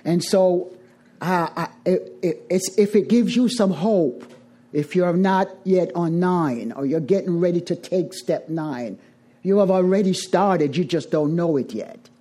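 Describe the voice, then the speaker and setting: This middle-aged Jamaican woman speaks to a recovery group in a twelve-step talk, her fairly low voice dark, mellow and softly rounded. She goes slowly and stresses her words, repeating phrases so they land with weight.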